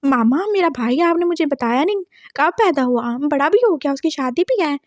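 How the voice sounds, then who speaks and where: A squeamish young man, flustered and dodging, talks his way out of trouble, played by a woman storyteller. The voice sits high and the recording is dry and close. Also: animated, moderate pace, darkish tone, dry recording, muffled recording. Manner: nervous, dodging.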